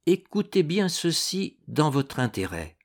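A man's voice: a little high, very animated, a little slow, voice pushed up, heavily acted. A man voicing a fierce young chevalier who speaks in a commanding, menacing way, raising his voice above the narration. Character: fierce young male chevalier, threatening and impetuous.

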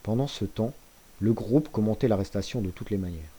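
A man narrating a classic novel as an audiobook reader in a measured, steady way. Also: fairly low pitch, breathy edge.

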